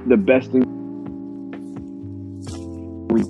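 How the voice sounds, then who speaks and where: A man's voice: medium pitch, steady tone, extremely slow, vocal fry, highs cut off, soft background music. Man on a choppy, breaking-up call line. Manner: earnest, loose, slangy talk. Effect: choppy, breaking-up online call audio. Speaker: podcast host. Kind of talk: casual chat.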